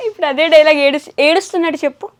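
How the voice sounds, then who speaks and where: A woman's voice: high voice, rapid-fire. A young adult woman interviewing a young guest in a playful, teasing way. She chats loosely and laughs often.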